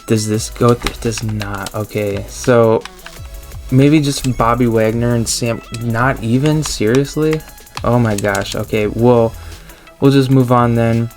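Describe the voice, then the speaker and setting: A man, a gaming YouTuber, thinking aloud in casual gameplay commentary, rushed and full of fillers, into a desk mic. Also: medium pitch, a little mellow.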